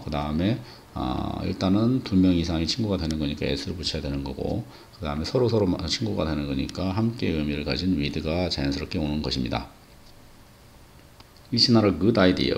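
A man teaching an English idiom lesson, explaining patiently and pausing on filler sounds. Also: very deep voice, animated, creaky, a little mellow, a little hiss or hum.

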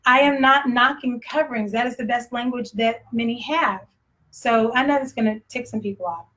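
A woman's voice: on the high side, normal speed, a bit bright. A woman with a Texas accent preaching a sermon in a blunt, conversational way, often laughing. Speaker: pastor.

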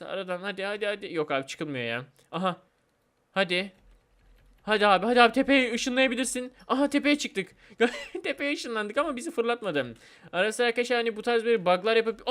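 Guy with a pretty high voice doing let's play commentary, hyped and chatty, loves trolling people. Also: clear, resonant tone. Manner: excitable, chatty, keeps addressing viewers; teasing, gleeful trolling of other players. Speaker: gaming video host.

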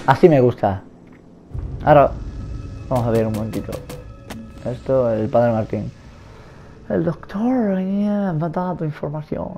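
A young man with a Spain Spanish accent, giving nervous, rambling, joking commentary while playing a horror game and shouting at its enemies. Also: medium pitch, a little hiss or hum. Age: young adult. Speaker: let's play gamer.

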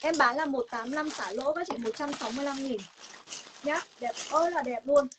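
A young woman with a Northern Vietnamese accent and a high voice hosts a live clothing sale. She chats casually to viewers while selling insistently, repeating herself and making emphatic promises. The phone recording has clear noise behind her. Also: a little fast. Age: young adult. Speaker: online clothing seller hosting a livestream sale. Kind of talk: live sales pitch, casual chat to viewers. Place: room stacked with clothing stock, indoors.

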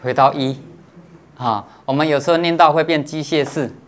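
A man, a Buddhist monastic teacher, giving a dharma lecture in a patient, explanatory way, often pausing on drawn-out filler particles and checking that his listeners understand. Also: on the high side, steady tone.

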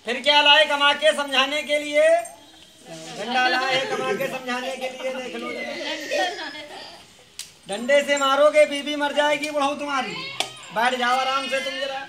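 A man running a street monkey show, calling out loud teasing commands to the animals. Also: very high voice, flat delivery, unhurried. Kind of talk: showman's patter to a crowd. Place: outdoors at a school ground. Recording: crowd noise around. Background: children's crowd.

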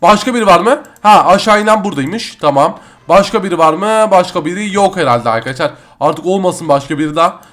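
A man hosting a game roleplay video, chatting excitably with slangy asides to viewers. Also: high-pitched, fast. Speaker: gaming channel host. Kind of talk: Minecraft roleplay commentary.

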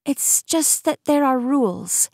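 Audiobook: offhand, wry immortal keeper, played by a female reader, somewhat high voice, dry. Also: animated, slow, vocal fry, darkish tone, dry recording, heavily acted. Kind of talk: audiobook character reading.

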